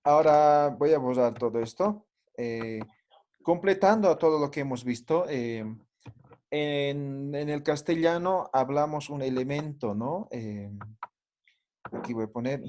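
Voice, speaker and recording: A man's voice: on the high side, a little slow, a little mellow. A man teaching a language class, patiently explaining and often checking that the students follow. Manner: patient, checks understanding with frequent tag questions. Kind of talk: classroom lesson.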